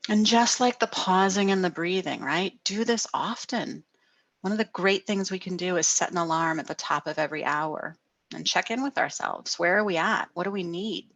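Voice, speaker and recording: A middle-aged woman counselor giving a gentle guided wellness talk over a video call, often asking "right?". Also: lowish voice, normal speed, no echo. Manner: gentle, frequent "right?" tags.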